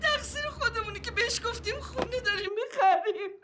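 A woman's voice: very high voice, a bit bright. An actress playing a worried, fretful wife and mother in a TV drama. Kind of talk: TV drama acting.

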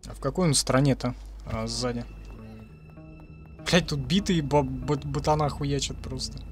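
A man's voice: mid-range voice, a little slow. A man in his twenties giving casual, crude let's-play commentary and swearing often. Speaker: gaming streamer. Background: game music.

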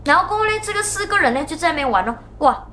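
A woman host, telling a story in a lively, casual way and acting out sounds. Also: sits high, rapid-fire, a little hiss or hum. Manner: animated, acts out sounds and motions.

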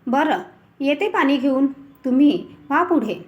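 A caring young wife, eager and full of questions, voiced by a woman storyteller. Her voice is high and bright, spoken as part of a storybook tale. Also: expressive, a little slow, muffled recording. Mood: curious.

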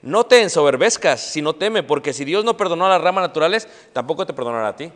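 A man's voice: a little high, fast talker. A middle-aged man with a Mexican accent preaching a sermon, quizzing the congregation and acting out the people he quotes. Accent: Mexican Spanish. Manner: animated, asks the congregation questions and acts out quoted people. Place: church hall. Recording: long church hall reverb.

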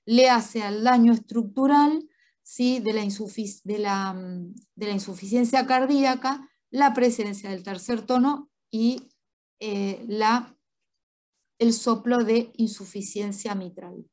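Female medical lecturer, explanatory, fairly high pitch. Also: slow, darkish tone. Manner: explanatory, checks in with tag questions. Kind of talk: spoken lecture.

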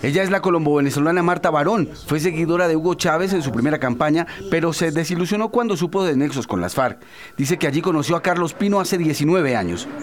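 A man's voice: a little high, animated, quick pace. A man narrating a news report and putting questions to an interviewee. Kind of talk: scripted news voice-over and interview.

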